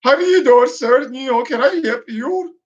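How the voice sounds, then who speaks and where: A man's voice: very high-pitched, lively intonation, normal speed, fairly bright tone, lo-fi sound, pitched above the performer's own voice. A man voicing a flustered, overly polite male clerk who speaks hesitantly. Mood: flustered politeness.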